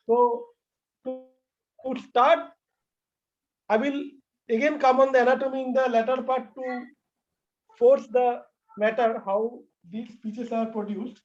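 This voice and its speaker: Man, lecturing, lists terms, repeats himself, muffled call audio. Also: extremely high pitch. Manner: listing terms, repeating words. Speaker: doctor presenting at a medical class. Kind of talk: medical lecture. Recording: dull lo-fi online call audio.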